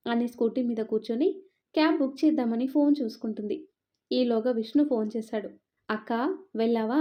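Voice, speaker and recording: A woman narrates a scripted romance story, acting out each character's dialogue with lively, expressive turns. Her voice sits a little high. The recording sounds dull and lo-fi. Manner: expressive, switching between narration and character lines. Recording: dull lo-fi audio.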